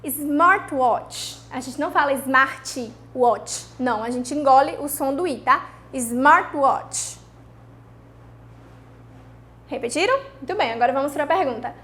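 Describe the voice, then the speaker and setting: A Brazilian Portuguese-speaking woman teaching an English video lesson, stretching English words out slowly for students to repeat and checking in often with "certo?". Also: high-pitched, a bit bright. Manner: slow, drawn-out model pronunciation of English words for repeating.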